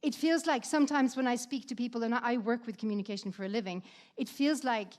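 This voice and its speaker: Speaking fast in a fairly high voice, a woman from Norway chats her way through a conference talk on stage in front of a live audience. Her lively delivery is packed with fillers and little asides to the listeners.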